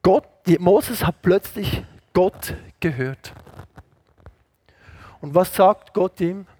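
A middle-aged man preaching an animated sermon full of stories, jumping between loud outbursts and hushed asides. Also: high-pitched, very slow, slightly rough. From Switzerland. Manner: animated, switches between shouting and hushed quoted voices. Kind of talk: lively sermon with anecdotes.

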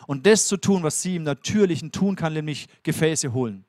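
A man preaching a sermon with a somewhat high voice. He talks earnestly, pressing up into emphatic lines and then sinking low and quiet. The sound is dry and close. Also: animated, a little fast, no room sound.

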